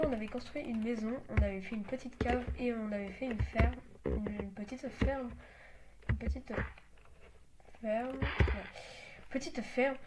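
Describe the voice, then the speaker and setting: Hesitant high-voiced woman narrating gameplay. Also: noisy background. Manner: hesitant, many fillers and restarts. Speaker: gaming channel host. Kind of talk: casual gameplay commentary.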